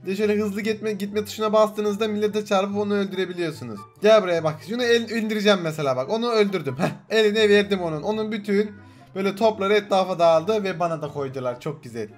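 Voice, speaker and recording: A young man giving excitable let's-play commentary as a gaming YouTuber, swinging from loud shouts to low muttering. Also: quick pace, soft background music.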